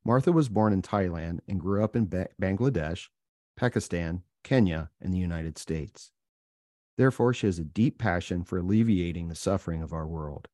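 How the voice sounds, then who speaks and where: A man with a very low voice hosts an interview in an earnest, unhurried way. The sound is dry and close, with no room around it. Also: warm tone, no room sound. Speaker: podcast host.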